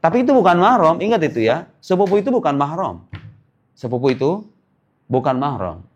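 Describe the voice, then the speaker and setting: Animated man teaching an Islamic class. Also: fairly high pitch, fairly quick, slightly rough, lo-fi sound. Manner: lively, questions the class and answers himself; casual, joking. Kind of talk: informal religious lesson.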